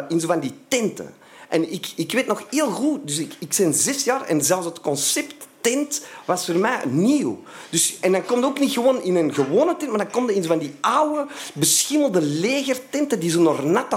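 A man with a Flemish accent telling a personal story in an animated way, with many fillers and restarts. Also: a little high. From Flanders, Belgium.

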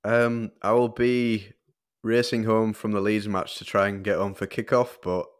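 A man co-hosting a football podcast, explaining tactics in a measured, analytical way with soft fillers. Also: fairly low pitch, level tone, clean tone. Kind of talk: casual tactical football discussion.

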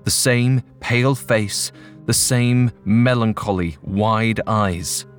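A man tells a ghost story in a measured, suspenseful manner. His voice sits low and his pace is very slow and deliberate. Faint music plays beneath the narration. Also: fairly even intonation.

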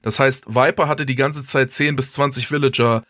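A man's voice: medium pitch, steady tone, moderate pace, bright, forceful tone, no room sound, clean studio sound. A man, casually explaining video game strategy, thinking aloud with restarts and chuckles. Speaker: guest strategy player.

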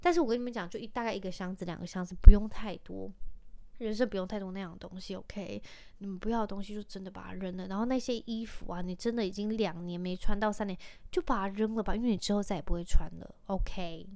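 Mom in her 30s vlogging, lively storyteller, mid voice, dry sound. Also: mid-range voice, fast talker, no echo. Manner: lively storytelling, drops in English phrases. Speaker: vlogger and mother. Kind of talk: casual chatty monologue.

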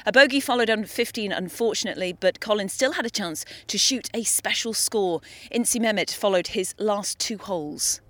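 A woman's voice: medium pitch, moderate pace, few pauses, dry recording. A woman hosting a golf broadcast, linking reports and putting questions to studio pundits. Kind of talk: studio sports discussion and scripted links.

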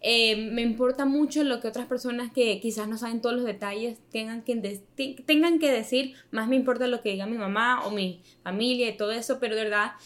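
A young adult woman from Miami talks casually as a guest. Her voice sits a bit high, and she mixes English words into her Spanish, circling through fillers as she explains herself. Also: a little fast, few pauses. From Miami, United States. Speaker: interview guest, premed student. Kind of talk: casual chat.

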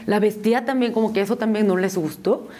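Speaking fairly quickly in a warm, medium-pitched voice, a young South Korean woman answers a casual interview in Spanish, her second language. Her Korean accent is audible, and she frequently restarts and repeats words as a guest.

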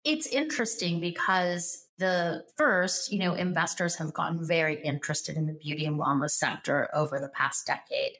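A woman's voice: deep voice, moderate pace, few pauses, fairly bright tone, slight background noise. A woman hosting an interview, asking questions and reflecting in a conversational, thoughtful way. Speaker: host, interviewer.

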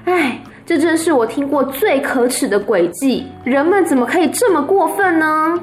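A woman voicing a calm female spider with a soft, gentle voice, over faint music. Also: high voice, moderate pace, voice pushed up.

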